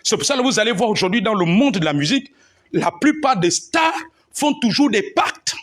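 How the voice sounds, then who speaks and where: High-voiced pastor preaching. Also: male voice, big pitch swings, moderate pace, fairly bright tone. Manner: emphatic, punctuated by amen and alleluia. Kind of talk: sermon teaching.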